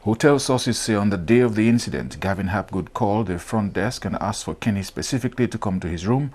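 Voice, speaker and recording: A male reporter reading a scripted news report with measured, formal delivery. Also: sits low, darkish tone.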